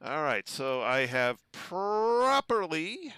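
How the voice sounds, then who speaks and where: Streaming a game from home, a man chats casually and slowly with big swings in pitch, his relatively low voice clear, resonant and sharp in tone. He's relaxed and chatty with many ums, and his desk microphone gives a dry recording.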